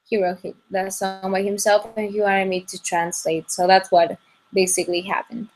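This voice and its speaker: A young woman from Ecuador, speaking in a halting way with many restarts and fillers during a casual video-call interview. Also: medium pitch, level tone. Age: young adult. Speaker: guest singer.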